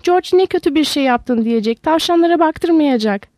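Woman voicing a childlike big man, high and pleading, warm tone, storybook reading. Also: animated, normal speed, no room sound, clean studio sound. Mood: pleading, frightened.

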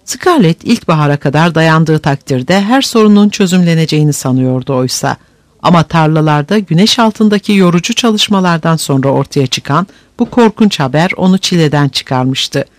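A male audiobook narrator with a high, very animated voice, telling the story in an expressive and measured way. The sound is dry and close, on a studio mic. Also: no echo.

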